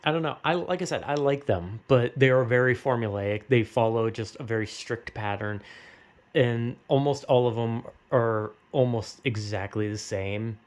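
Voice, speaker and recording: This young man from the United States speaks at a moderate pace in a mid-range voice, riffing loosely and without a script. He swears constantly and leans on slang, the way friends trade opinions in casual conversation.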